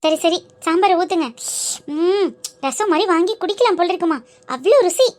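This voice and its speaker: A woman voicing a chatty cartoon daughter, very high voice. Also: fairly quick. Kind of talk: cartoon voice acting.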